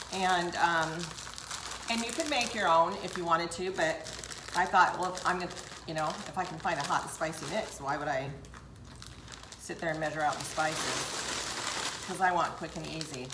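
An older woman hosts a casual cooking demonstration in her home kitchen, talking chattily right to viewers as she works. A camera set back across the counter records her lowish voice in an echoey room, with clear background noise beneath her.

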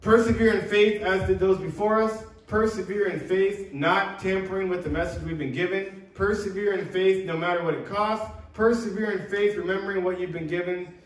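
A man's voice: high voice, fairly even intonation, normal speed, hardly any pauses. A man preaching an earnest sermon as pastor, often restarting his phrases. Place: church sanctuary. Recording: echoey church room from far off.

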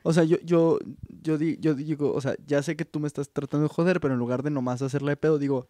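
A young man with a Mexican accent bantering as a podcast co-host. He fires off quick quips and questions full of slang. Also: fairly high pitch, steady tone, dark tone, no echo, studio quality. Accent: Mexican Spanish. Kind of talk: casual comedic banter.

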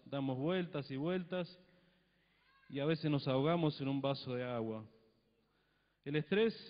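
In a church hall, a middle-aged man from Argentina, a pastor with a voice on the high side, reads scripture solemnly through a handheld mic, then addresses his congregation in plain terms. The audio carries long church reverb and has a dull, lo-fi broadcast feel.

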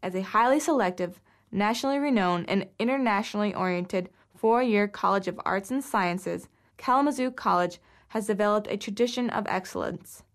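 Female actor as official greeter, formal scripted announcements, medium pitch. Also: close to an everyday voice. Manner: formal, clearly scripted delivery. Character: institutional greeter: bank phone menu, college admissions guide. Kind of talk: scripted test-audio announcement.

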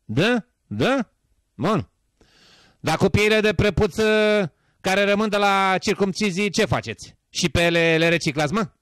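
A man's voice: high voice, animated, fairly bright tone, dry recording, pitched above the performer's own voice. A man doing a prying tax inspector. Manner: prying, pushy questioning. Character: fussy male tax inspector, prying and suspicious.

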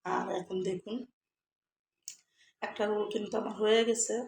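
Hoarse woman narrating home cooking. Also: medium pitch, moderate pace, roomy sound, a little hiss or hum. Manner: steady, repetitive home-cook explaining. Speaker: cooking vlogger. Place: home kitchen.

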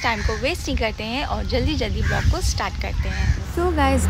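Gravelly-voiced young woman food vlogger. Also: a little high, very noisy. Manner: chatty, mixes Hindi and English, slows right down on English phrases. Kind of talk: casual vlog narration. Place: outdoors on a tree-lined road, then inside a cafe. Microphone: phone at arm's length.

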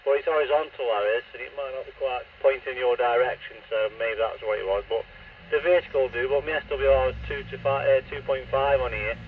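A man chatting casually over an amateur radio link, in a rambling and relaxed way, with his voice coming through a muffled ham radio transmission. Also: medium pitch, fairly quick. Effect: muffled, noisy ham radio transmission. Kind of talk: casual on-air radio chat. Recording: hissy lo-fi radio signal, distant.

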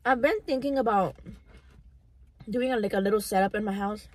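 Young female mukbang vlogger, mid-pitched voice, casual eating-show chat recorded inside a car. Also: a little fast, husky. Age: young adult.

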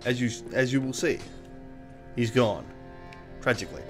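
A man's voice: medium pitch, animated, normal speed, over music. A man giving casual gameplay commentary as the host of a let's play, dry and self-mocking, with casual swearing.

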